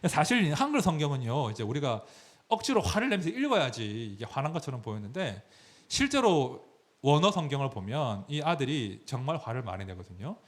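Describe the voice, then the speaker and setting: A man's voice: mid-range voice, a little fast. A male pastor preaching a sermon. He explains the scripture and acts out its voices. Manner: animated, explanatory, dramatizes scripture.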